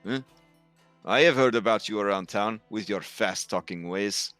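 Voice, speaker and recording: Man as stern, distrustful townsman, low and formal, tabletop fantasy game. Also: moderate pace, fairly bright tone, clean tone, no echo, faint music behind, lightly acted. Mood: suspicious. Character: gruff, suspicious townsman, stern and narrow-eyed.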